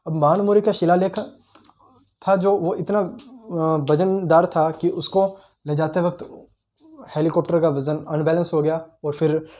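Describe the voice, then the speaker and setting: Young guy teaching history, mellow voice kinda high, lots of uh pauses. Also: fairly even intonation. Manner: conversational, repeats key terms, frequent "uh" pauses while recalling. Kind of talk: informal history lecture.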